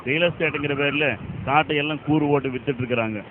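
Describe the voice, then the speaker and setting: A man's voice: fairly high pitch, steady tone, fast, a little hiss or hum, lightly acted. A man playing an older village farmer who earnestly lectures young men about taking up farming. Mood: lecturing. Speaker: elder farmer. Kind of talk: short film acting. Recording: phone-like audio with loud music.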